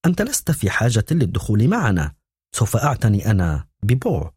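A young girl thief whispers her lines with care , voiced by a male narrator. The tone is dark and mellow, and the reading has a slightly husky edge. It sits close and dry, like an audiobook. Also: fairly low pitch, huge pitch swings, fairly quick, no room sound, full character voice. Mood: hushed. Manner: hushed, careful.

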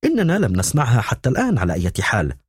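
A man voicing a young girl in a gang of thieves, speaking in a careful hush; an audiobook reading. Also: mid-range voice, wildly swooping pitch, rapid-fire, slightly rough, no room sound, clean studio sound. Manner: hushed, careful.

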